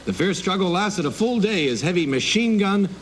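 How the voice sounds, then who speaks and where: A man's voice: sits high, expressive, normal speed. A man playing an earnest TV news anchor, reading a parody newscast. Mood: earnest, formal. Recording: noisy 1970s TV sketch, loud audience laughter.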